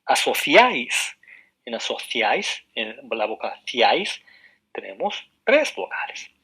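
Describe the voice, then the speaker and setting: A man giving a university lecture over the radio, explaining slowly with frequent hesitations, repeated words and questioning tags. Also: medium pitch, sing-song, bright, forceful tone, husky.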